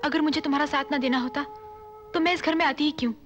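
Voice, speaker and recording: An actress plays a proud, jealous young woman who speaks in a teasing, reproachful way in a high voice. The sound is dull and lo-fi, with loud film music behind her. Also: steady tone, fast talker, close to an everyday voice.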